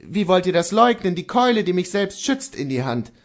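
A man's voice: high-pitched, big pitch swings, normal speed, voice pushed up. A man reading the part of a proud, defiant male horse dealer turned outlaw, speaking earnestly and insistently.

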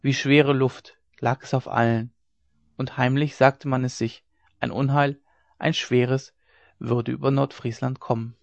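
Man narrating an old story, steady and dramatic, muffled dry audio. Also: mid-range voice, unhurried, vocal fry, no room sound. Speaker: audiobook reader. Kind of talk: scripted narration of a classic novella.

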